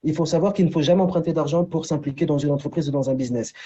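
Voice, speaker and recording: A man's voice: fairly high pitch, steady tone, very fast, warm tone, slightly rough, lo-fi sound. A man presenting a business opportunity on a video call, talking in a loose way with many fillers, checking in with "d'accord". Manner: repeats "d'accord" and "entre guillemets", many fillers. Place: Paris.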